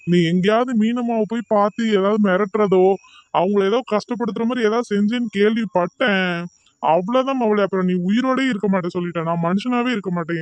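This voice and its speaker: A man's voice: high-pitched, clear, resonant tone, no echo, close to an everyday voice. A man voicing an angry young husband in a cartoon drama, who scolds and threatens.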